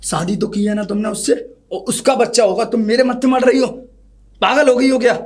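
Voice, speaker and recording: A woman playing a young man who tries to hush and send away the lover carrying his child, defensive and snapping in a family drama. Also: lowish voice, normal speed, close to an everyday voice. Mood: dismissive. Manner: defensive, hushed then snapping. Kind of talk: hobby family drama acting.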